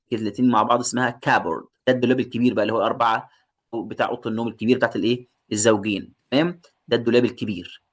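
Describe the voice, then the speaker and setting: A man's voice: medium pitch, breathy edge. A man with an Egyptian Arabic accent teaching a lesson, asking questions and answering them himself and repeating each word for his pupils. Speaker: English teacher.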